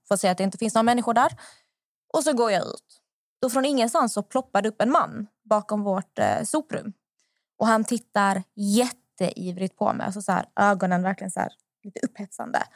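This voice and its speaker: A young woman hosting a podcast, telling a personal story in a lively, animated way. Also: mid-range voice, dry recording, studio quality. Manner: animated anecdote-telling, acts out what others said. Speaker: podcast host. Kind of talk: casual storytelling.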